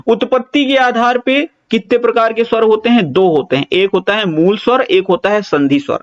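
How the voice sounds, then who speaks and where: A man's voice: sits high, normal speed, lo-fi sound. A man teaching an exam-prep Hindi grammar lecture, explaining patiently, repeating key points and drawing out example vowel sounds, with casual reassuring asides.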